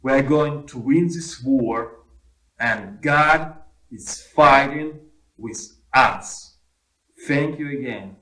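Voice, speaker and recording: A man from Ukraine with a Ukrainian accent, a chaplain giving a short report in deliberate, plain non-native English, in short phrases. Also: mid-range voice, pushed and bright. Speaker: military chaplain. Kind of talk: short prepared video report. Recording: roomy, echoing sound.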